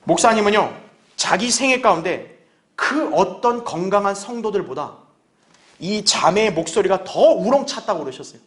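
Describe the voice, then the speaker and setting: A man's voice: high-pitched, animated, moderate pace, a bit bright. A man preaching a sermon as pastor, earnest and conversational, often asking the congregation rhetorical questions.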